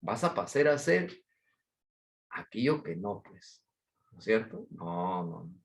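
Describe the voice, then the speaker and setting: A man's voice: low voice, slow, vocal fry. A man, giving a class lecture as a teacher, telling anecdotes and asking rhetorical questions. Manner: animated storyteller, rhetorical questions.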